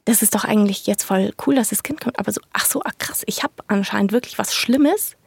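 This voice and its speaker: A mid-pitched woman talks candidly and colloquially about her own experience. She sometimes sinks into a soft, breathy half-whisper. Her voice sounds dry and close. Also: fairly quick, dry recording. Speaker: guest sharing a birth story. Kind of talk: casual conversation.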